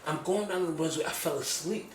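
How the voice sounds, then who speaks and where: A man telling a personal story on a casual podcast, animated and repeating phrases like "you feel me". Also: fairly high pitch, fast, reverberant, slight background noise. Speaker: podcast host.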